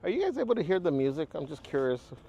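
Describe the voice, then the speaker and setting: Gravelly man talking fast off-mic. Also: fairly high pitch, big pitch swings, mellow, dull audio. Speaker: livestream co-host cooking on the grill. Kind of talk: casual banter. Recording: distant from the mic, noisy outdoors.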